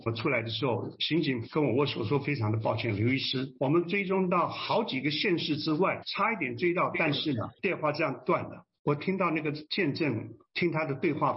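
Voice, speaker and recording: A man, a pastor who is also a doctor, telling his testimony as a sermon, earnest and storytelling, often acting out the voices of others. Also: on the high side. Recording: dull lo-fi sound.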